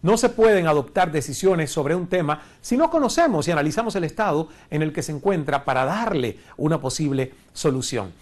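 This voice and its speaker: A Cuban man in his forties teaches an online course from a studio, standing before a screen with a lapel mic. His voice is fairly high and a touch mellow, swinging widely in pitch as he talks a little fast with hardly a pause. The instructor comes across earnest in this recorded lecture, tossing out rhetorical questions.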